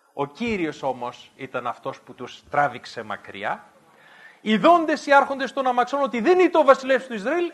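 A man preaching a Bible study in an animated storytelling manner. His voice is unusually high for a man and lively in pitch. He moves between reading scripture and explaining it plainly.

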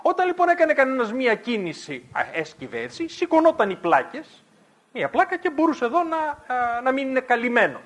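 High-voiced male preacher explaining scripture. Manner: animated storytelling, alternates scripture reading with explanation. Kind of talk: sermon, Bible study.

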